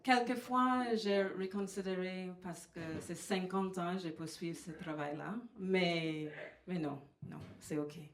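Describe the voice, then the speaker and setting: A woman from Trinidad and Tobago with a Trinidadian accent, performing stand-up comedy in a halting way with many fillers. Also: fairly low pitch, steady tone. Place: comedy venue. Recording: roomy live venue sound.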